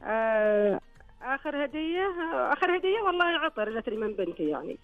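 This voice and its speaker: A woman's voice: a little high, very animated, fairly quick, faint music behind. An older grandmother calling in to a live radio show over a lo-fi phone line, chatty with small restarts. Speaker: caller. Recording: dull, dry phone line.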